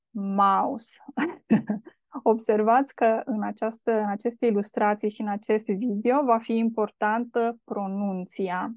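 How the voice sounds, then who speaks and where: A woman hosting a podcast and teaching vocabulary in a relaxed way, explaining step by step and often checking in with a quick "da?". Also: fairly high pitch, no echo. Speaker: language teacher and podcast host. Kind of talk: casual vocabulary lesson.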